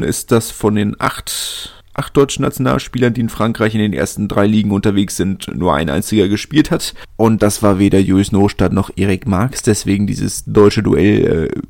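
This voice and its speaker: A man's voice: on the low side, gravelly, darkish tone, no room sound, studio quality. A man hosting a podcast, talking through his thoughts in a casual, chatty way and often restarting his sentences. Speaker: podcast host. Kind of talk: casual spoken commentary.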